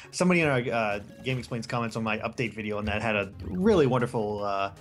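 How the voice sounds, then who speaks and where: A man's voice: lowish voice, animated, a little fast. A man chatting casually as co-commentator on a gaming stream, easygoing and a little hesitant in his phrasing. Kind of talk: casual chat. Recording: game music behind the voice. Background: video game music.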